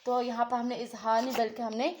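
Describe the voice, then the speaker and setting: A woman explains Quran recitation rules with patient repetition, putting a question to the class and answering it herself. Her voice sits a little high, and the room gives it a noticeable echo. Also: flat delivery, brisk, a little mellow, a little hiss or hum. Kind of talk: online tajweed lesson.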